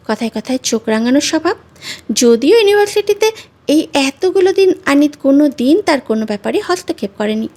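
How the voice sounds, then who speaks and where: High-voiced woman narrating a love story. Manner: expressive, measured reading.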